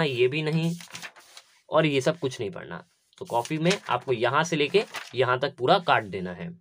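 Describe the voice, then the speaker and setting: Young male teacher, a bit high-pitched, methodical and repetitive delivery. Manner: instructive, repetitive, step by step. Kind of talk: syllabus walkthrough lesson.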